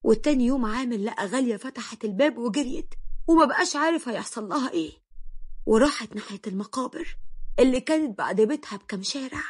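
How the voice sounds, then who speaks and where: A woman with an Egyptian accent narrating a dramatic story in a steady storytelling manner. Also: a little high, quick pace, slightly rough.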